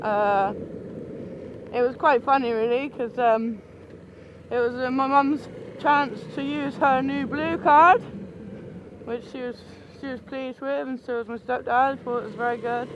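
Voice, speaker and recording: A young British woman rambles from a helmet mic while riding a motorcycle, drifting off topic and swearing casually. Her voice sits high, and the sound is muffled and dull. Heavy wind and engine roar push in around her. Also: fairly even intonation, a little slow. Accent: British English. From United Kingdom. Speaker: motorcycle vlogger. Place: riding a motorcycle on open roads. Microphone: neck-worn mic poking up into a helmet.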